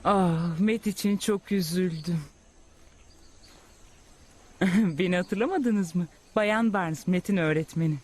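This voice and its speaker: A polite, apologetic schoolteacher. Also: female voice, fairly low pitch, slow, pauses often, darkish tone, a little hiss or hum. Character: polite female schoolteacher on a home visit. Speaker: teacher. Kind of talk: film dubbing.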